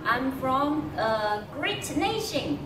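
A young woman whose first language is Chinese, reciting memorized English lines haltingly and slipping into Chinese. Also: sits high, big pitch swings. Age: young adult. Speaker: English learner. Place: indoor tea shop room. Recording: distant, echoey, noisy room sound.

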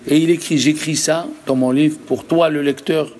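A rabbi teaching a religious lesson to a live group, emphatic and full of rhetorical questions. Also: male voice, fairly high pitch, steady tone, normal speed, a little mellow.

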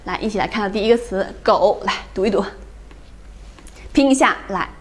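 In a mid-range voice, a woman teaches phonics in English, slowly repeating each sound for practice and regularly checking on her students.

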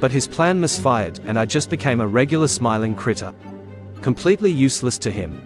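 A man voicing a bitter lion toy turned cartoon villain, speaking with slow, theatrical menace. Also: medium pitch, expressive, faint music behind, lightly acted. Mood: bitter, dramatic. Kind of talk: dramatic cartoon villain monologue.

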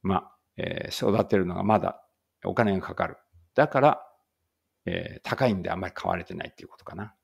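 A man teaching a casual English read-aloud lesson, chatty and correcting himself as he goes, reading English sentences slowly. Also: deep voice, creaky, husky.

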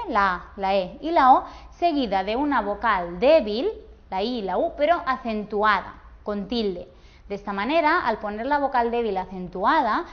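A woman, teaching a grammar lesson patiently and slowing down to spell out words and syllables. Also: fairly high pitch, muffled recording.

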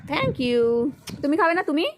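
A woman's voice: sits high, big pitch swings, moderate pace, background noise. A mother filming a casual family vlog at home on a phone, coaxing her toddler in a sing-song way and chatting to viewers.

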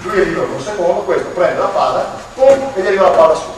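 A man running an on-court basketball clinic in a large indoor gym, explaining at length and shouting to urge the players on. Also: sits high, fast talker. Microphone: far camera in the stands. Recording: echoey gym from far off, faint noise.

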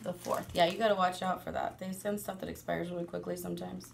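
A woman and mother vlogging a casual product review, chatty and excitable, laughing often. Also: lowish voice, fast talker, gravelly, noisy background.

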